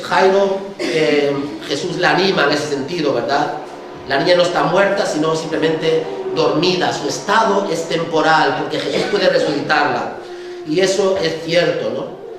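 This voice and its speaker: A male pastor with a Spain Spanish accent giving a sermon in a conversational way, often ending phrases with tag questions. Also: a little high. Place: church hall. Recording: echoey church hall, distant mic, faint noise.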